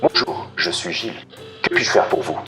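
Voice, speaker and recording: Half-robot android helper voiced by a male game master: lower than his narration, stiff and courteous. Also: moderate pace, loud music behind the voice. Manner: stiff, courteous, service-like phrasing. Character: polite male android station worker. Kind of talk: tabletop horror game narration.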